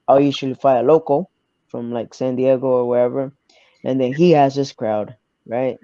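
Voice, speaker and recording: A young man from Arkansas, a fighter answering interview questions quietly, pausing to search for words. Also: medium pitch, no echo, lo-fi sound. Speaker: MMA fighter, guest. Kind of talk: casual interview.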